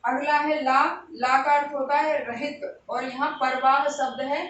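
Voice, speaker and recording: Female teacher, high voice, deliberate exam-prep delivery, faint hum behind. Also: steady tone, fairly bright tone, lo-fi sound. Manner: slow, repeats each word for emphasis. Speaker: Hindi teacher. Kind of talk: exam-prep grammar lesson. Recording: echoey room, voice a bit far from the mic.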